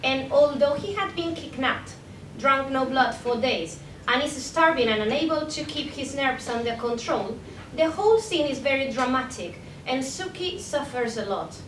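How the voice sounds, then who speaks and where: Reading from a prepared script at normal speed, a young woman from Spain presents her PhD paper at an academic conference, expressive but careful, with a few stumbles and self-corrections along the way. Her voice reaches a distant mic in an echoey indoor room where a faint rumbling can be heard.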